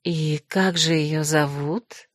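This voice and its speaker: A woman's voice: mid-range voice, measured pace, dry recording, studio quality, lightly acted. A woman voicing a haughty, catty young aristocratic woman in an audiobook, drawling and reproachful.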